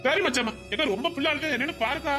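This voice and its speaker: A woman's voice: high voice, fast, bright, forceful tone, soft background music. A woman voicing an anxious young village man who fusses over a crying baby, with a Tirunelveli Tamil accent. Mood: fussing. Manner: anxious, fussing. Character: fussing young village man, worried and busy. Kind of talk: Tamil serial drama dialogue.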